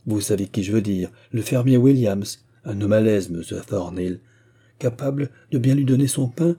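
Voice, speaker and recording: A man reading an audiobook, voicing a scheming middle-aged mother who is the vicar's wife, eager and coaxing, with a dark, husky voice. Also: fairly low pitch, moderate pace.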